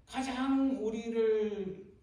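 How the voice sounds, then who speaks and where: A man's voice: very high voice, fairly even intonation, very slow, warm tone. A man preaching a sermon as pastor, with dramatic delivery that acts out cries and quotations. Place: church sanctuary. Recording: echoey church sanctuary, voice from far off.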